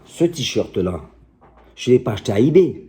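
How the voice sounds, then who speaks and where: A man's voice: medium pitch, big pitch swings, moderate pace, dark tone. A middle-aged man, a martial arts coach, ranting to camera in a combative, passionate and crude way. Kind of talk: direct-to-camera rant.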